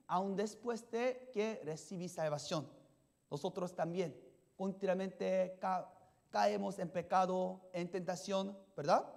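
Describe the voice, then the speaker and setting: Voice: mid-range voice, a little mellow. Pastor preaching with constant check-in questions. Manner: keeps asking the congregation questions and checking in with "yes?"; simple, halting phrasing with restarts. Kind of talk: sermon.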